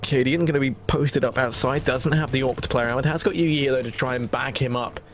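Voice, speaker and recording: A man's voice: mid-range voice, fairly even intonation, quick pace. Man calling esports play-by-play, dramatic flow. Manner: flowing, dramatic match-calling with colourful flourishes. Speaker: esports caster. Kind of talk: esports play-by-play commentary on a shooter match.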